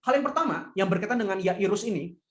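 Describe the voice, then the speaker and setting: A man preaching a lively, conversational sermon who keeps asking the congregation questions. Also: sits high, quick pace. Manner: asks the congregation rhetorical questions; acts out the voices of people in the story. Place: church hall. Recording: echoey church livestream.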